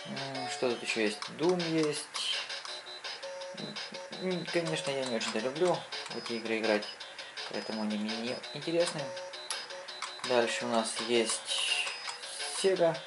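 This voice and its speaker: A man giving casual gameplay commentary as a console reviewer, thinking aloud haltingly as he plays. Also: mid-range voice, expressive, low-quality recording. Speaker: video game console reviewer. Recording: loud game music behind voice. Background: loud video game music.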